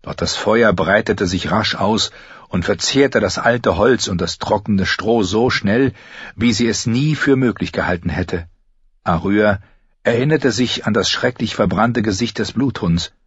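Husky low-voiced man narrating an audiobook. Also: a little slow, dry recording, highs cut off. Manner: steady storytelling, raises his voice high for the characters' lines. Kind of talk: scripted narration of a fantasy novel.

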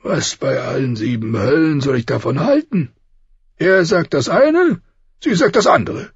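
A burly king with a short temper, as a male narrator voices him in a storybook reading, thundering loud orders in a raised, strained voice. It sounds husky and a touch dull. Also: on the high side, expressive, measured pace, no echo, pitched above the performer's own voice, heavily acted. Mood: exasperated. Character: burly, hot-tempered king, booming with rage.

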